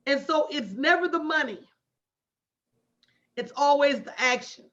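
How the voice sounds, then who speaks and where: A woman in her late forties, a motivational business coach, hosts a livestream in a high, lively, slightly bright voice, speaking a little slowly. She addresses her online audience directly and folksily, with emphatic, preacher-like repetition, all over dull lo-fi audio.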